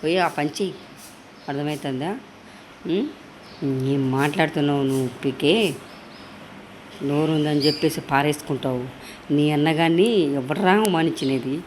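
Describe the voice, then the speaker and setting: A woman's voice: low voice, moderate pace, pauses often, a little mellow, slight background noise. A woman in an angry political rant, scolding and insulting as she keeps demanding agreement. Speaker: political supporter.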